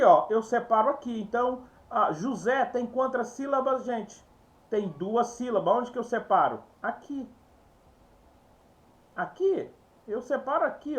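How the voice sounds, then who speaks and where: Guy doing a bible lesson, slow and unhurried, voice swings up and down a lot, keeps repeating stuff. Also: high-pitched. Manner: explains step by step, repeats words, often calls to viewers. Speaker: Bible teacher. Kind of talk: informal video lesson.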